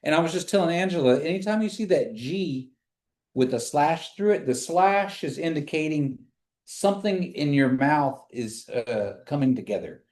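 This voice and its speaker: A man's voice: on the high side, expressive, moderate pace, a little mellow. A man teaching a language class in a casual, conversational way. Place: indoor classroom. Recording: echoey room.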